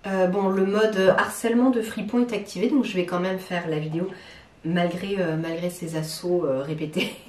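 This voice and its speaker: Speaking in a lowish, slightly mellow voice with fairly even intonation and a moderate pace, a plant vlogger from France talks casually to camera about her houseplants. She hesitates, using many fillers and restarts; the roomy, distant recording from her living room carries a little hiss or hum.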